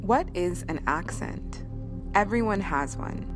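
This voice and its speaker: A woman narrates a scripted film essay in a measured, academic cadence. Her voice sits a little low. Clear music plays beneath her voice-over. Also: expressive. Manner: measured, deliberate academic delivery.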